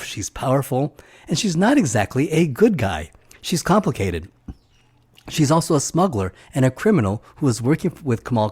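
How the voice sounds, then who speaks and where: A man's voice: medium pitch, darkish tone. A middle-aged man narrating a film recap for his channel, chatty and enthusiastic, with personal asides. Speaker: film reviewer.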